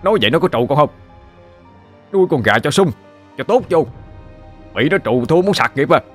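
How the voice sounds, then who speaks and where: A man voicing a hot-tempered, abusive husband, shouting and cursing. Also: fairly high pitch, lively intonation, moderate pace, soft background music, voice pushed up. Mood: furious.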